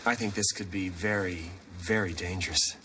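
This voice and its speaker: A man's voice: low voice, fairly even intonation, moderate pace, background noise, natural voice. A man playing a teasing single father in a 1990s sitcom, with dry, sarcastic wit. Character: wry, teasing middle-aged single dad.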